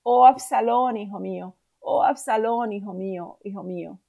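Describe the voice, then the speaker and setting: A woman's voice: medium pitch, a little slow, creaky, mellow, highs cut off. A woman voicing an old king who mourns his son in a repeated, lamenting cry, read in a Bible storybook. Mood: grieving lament.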